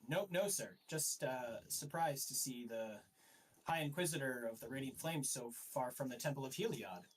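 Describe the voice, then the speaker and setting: A man's voice: mid-range voice, expressive, moderate pace, breathy edge. A man voicing a tough, guarded female ship captain who answers in tense, clipped lines, somewhat far from the mic.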